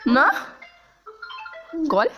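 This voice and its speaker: A woman's voice: extremely slow, muffled recording, soft background music. Chatty woman vlogging at home on her phone. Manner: chatty, keeps calling viewers friends, coos at the small child. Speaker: family vlogger. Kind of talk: casual home vlog. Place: home kitchen, indoors. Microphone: phone camera.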